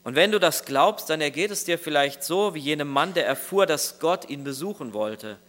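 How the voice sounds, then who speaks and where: A man's voice: on the high side, lively intonation, moderate pace, fairly bright tone. A man preaching a sermon as pastor, earnest and speaking straight to each listener. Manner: earnest, addresses listeners directly.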